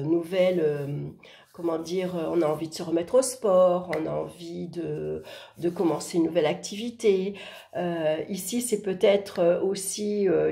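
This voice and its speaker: Female horoscope card reader, informal, throat hoarse from swollen tonsils, gravelly low-effort delivery, dark soft tone. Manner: speaking softly to spare her throat.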